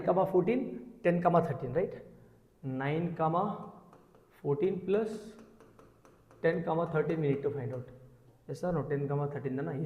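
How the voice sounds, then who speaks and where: High-voiced Telugu-accented man teaching maths, echoey room. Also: warm tone, muffled recording. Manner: repeated check questions to the class. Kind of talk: exam lesson, explaining step by step.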